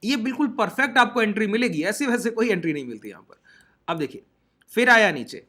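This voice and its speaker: A very animated man talks fast as he teaches trading via screen share, his voice high, bright and forceful. He goes step by step and keeps checking on his audience.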